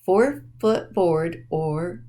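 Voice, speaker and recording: Using plain language, a woman presents a storytime lesson for children, explaining each point deliberately and pausing to ask questions that test their understanding. She has a lowish, dark-toned voice.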